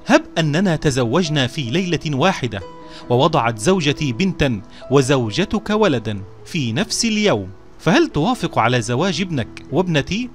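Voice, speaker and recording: A man voicing a proud elder vizier brother who is quick to anger, with stern, heated declaiming. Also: fairly high pitch, big pitch swings, soft background music. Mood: boastful.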